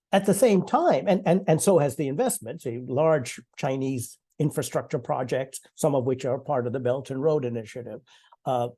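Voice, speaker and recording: A man in his sixties from Sri Lanka talks conversationally on an online panel, with frequent fillers, many restarts, and light laughter. His voice is a little high and dark in tone.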